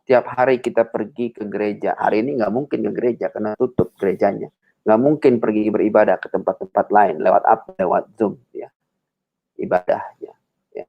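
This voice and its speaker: A man preaching a sermon in a casual, animated way, tagging nearly every phrase with "ya" and swinging between low murmurs and high emphatic bursts. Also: vocal fry.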